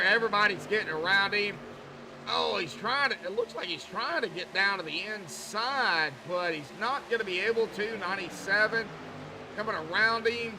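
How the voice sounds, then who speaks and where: A high-pitched race commentator from Arkansas with a Southern US accent calls a sim race live over a noisy background. His commentary is folksy, conversational and rambling, often repeating phrases.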